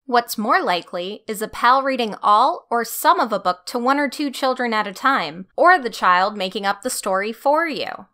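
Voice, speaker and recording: Bright, higher-pitched woman narrating training. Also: lively intonation, moderate pace, hardly any pauses. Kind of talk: scripted instructional narration.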